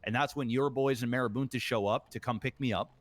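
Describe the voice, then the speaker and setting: Brief: man in roleplay, mid pitch, rambling storyteller with frequent fillers, quotes others. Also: steady tone, fast talker. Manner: rambling retelling, full of ums and uhs, acts out quoted lines. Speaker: roleplay gang member.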